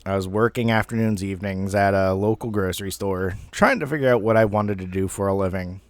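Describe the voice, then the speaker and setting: An online storyteller in his thirties recounts something personal in a rambling, self-deprecating way, with a bit of mild swearing. He speaks a little fast in a low-pitched voice, with no room sound on the recording.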